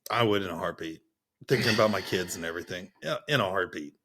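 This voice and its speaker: A man's voice: deep voice, pushed and bright, a little hiss or hum. A man in his thirties co-hosting a podcast in casual chat, teasing his partner and laughing often. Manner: teasing, laughs often, quick agreeing interjections. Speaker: podcast co-host.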